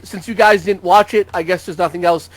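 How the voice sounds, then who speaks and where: A man's voice: sits high, fairly even intonation, brisk, no echo. A man co-hosting a casual gaming podcast, joking about doom in an overly dramatic way. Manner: dramatic mock-doom humor. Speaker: podcast co-host.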